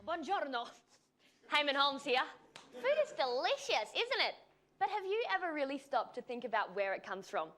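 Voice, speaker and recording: A woman delivering a wry, animated comic monologue to a studio audience. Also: high-pitched, normal speed, slight background noise. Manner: animated, wry, breaks into laughs. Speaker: comedy segment presenter. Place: television studio with live audience. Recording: live studio with audible audience.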